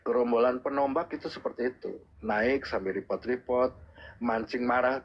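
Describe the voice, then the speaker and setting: A man calls in to a live stream with earnest, repetitive advice. His husky voice comes through muffled and lo-fi, at a middle pitch. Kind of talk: casual advice. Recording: husky muffled lo-fi call audio.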